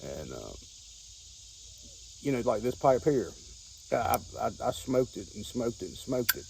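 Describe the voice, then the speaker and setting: Mellow Southern American man, folksy and rambling. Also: medium pitch, low-quality recording. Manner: folksy, rambling, repeats phrases. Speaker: pipe-smoking hobbyist video host. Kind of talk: casual unscripted vlog talk. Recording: outdoor recording with clear insect noise.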